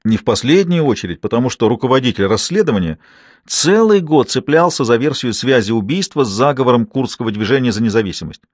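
A man's voice: mid-range voice, animated, fast, no room sound. Male audiobook narrator, dry close sound. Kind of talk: scripted narration.

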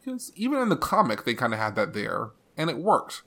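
A man's voice: medium pitch, huge pitch swings, a little fast, gravelly, pushed and bright. A man co-hosting a podcast in casual chat, rambling with lots of restarts and filler. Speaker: podcast co-host.

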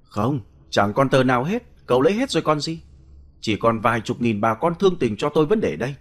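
Male narrator doing a hoarse blind old man, aggrieved and desperate, in a ghost-story audiobook. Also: medium pitch, very animated, quick pace. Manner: pleading then screaming for help. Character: elderly blind male lottery seller, wronged and desperate.

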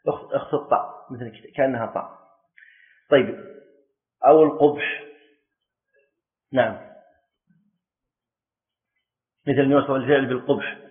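A man's voice: mid-range voice, steady tone, normal speed, pauses often. A man teaching a classroom lesson, explaining step by step, quizzing his students and repeating key words for emphasis. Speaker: teacher of Islamic jurisprudence. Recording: tinny lo-fi lesson recording.

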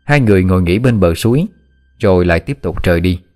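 Deep-voiced man telling a ghost story. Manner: measured, steady storytelling. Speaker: narrator. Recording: faint background music.

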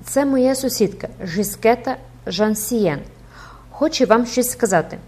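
A woman's voice: fairly high pitch, lively intonation, unhurried, mellow, breathy edge, voice pushed up. A woman reading an audiobook, voicing a shy young woman who murmurs in embarrassment.

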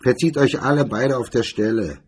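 A man reading aloud, voicing a calm gangster who speaks coldly and curtly. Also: mid-range voice, normal speed, husky, pitched above the performer's own voice. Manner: calm, curt, clipped. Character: cool, cold-spoken male gangster.

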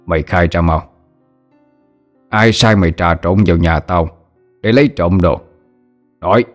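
A man's voice: fairly low pitch, very animated, brisk, faint music behind. A man voicing an angry wealthy master of the house who interrogates harshly. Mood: furious.

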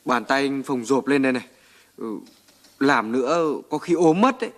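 A man's voice: mid-range voice, moderate pace, lightly acted. An actor playing a young militiaman who teases his comrades and looks after them in a radio drama. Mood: concerned. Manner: teasing, lively, polite to elders. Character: young male militiaman, teasing and caring.

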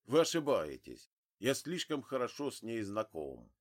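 A man voicing a calm official who talks down an armed father, in an audiobook. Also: mid-range voice, a little slow, exaggerated voice. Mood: firm. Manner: calm, firm. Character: calm male official, steady negotiator.

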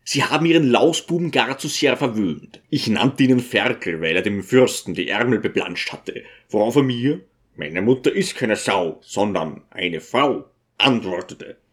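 A man's voice: on the low side, lively intonation, unhurried, husky. A man voicing a brash, overbearing male suitor in an audiobook, talking insistently and crudely. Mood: pushy. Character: pushy, brash middle-aged male suitor.

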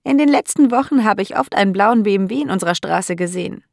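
A woman's voice: medium pitch, expressive, fast talker, vocal fry, dry recording, studio quality. A woman voicing a lonely, fearful elderly landlady who complains plaintively. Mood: teasing. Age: older.

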